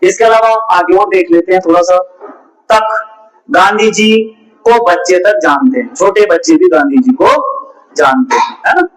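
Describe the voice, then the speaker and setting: A Hindi teacher with a high voice talks at normal speed in a low-quality recording. His classroom-style grammar lesson is repetitive, peppered with rhetorical questions aimed at students.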